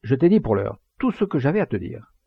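Man reading as a hearty fatherly poacher, booming and sententious, gravelly husky voice, dull dry recording. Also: sing-song, fairly quick, no room sound, full character voice. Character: jovial hearty middle-aged male poacher, fatherly.

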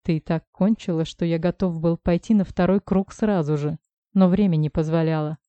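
Woman reading as a calm, controlling man. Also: clean tone, dry recording, natural voice. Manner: low, calm, unhurried delivery. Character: cool, controlling young man, calm and teasing. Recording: dry, slightly dull recording.

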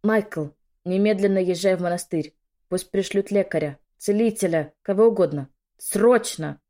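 A woman's voice: fairly low pitch, moderate pace, mellow. A woman voicing an older noblewoman who urgently gives orders and soothes a young woman in labor. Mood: urgent, soothing. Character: older noblewoman, caring and commanding.

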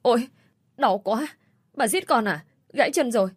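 A woman voicing a frightened young woman who pleads desperately, pitched above her narration, in a storybook reading. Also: expressive, moderate pace, slightly rough, no room sound, studio quality. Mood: pleading. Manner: pleading, higher than narration.

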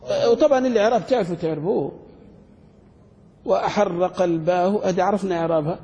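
A man teaching a grammar class as a sheikh, firing quick questions at his students and restarting words as he searches for them. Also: sits high, expressive, mellow, highs cut off. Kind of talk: classroom lecture. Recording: long hall reverb.

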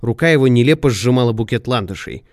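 A man reading a detective story aloud in measured, expressive narration. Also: mid-range voice, no echo, studio quality. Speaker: audiobook narrator. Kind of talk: scripted narration.

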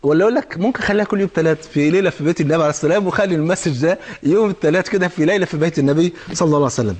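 A man with an Egyptian accent giving a colloquial sermon on marriage, lively and acting out little exchanges between husband and wife. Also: fairly high pitch, very fast. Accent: Egyptian Arabic. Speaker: preacher.

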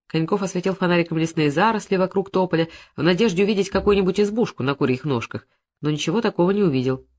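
A woman reading an adventure story aloud as narrator, shifting her voice for the characters. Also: on the low side. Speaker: audiobook narrator.

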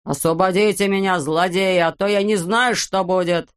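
A woman's voice: fairly low pitch, fairly even intonation, smooth, close to an everyday voice. A woman voicing a bald, bossy, greedy male landowner who screeches, drags out his words and hurls insults, as a character in an audiobook. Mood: furious. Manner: screeching, drawn-out yelling, name-calling.

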